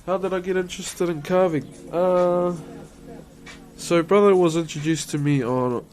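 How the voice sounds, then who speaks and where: A high-pitched man with a darkish tone talks at a moderate pace over slight background noise. Streaming live in a broad New Zealand accent, he answers viewers casually and laid-back, often saying "bro" and "eh".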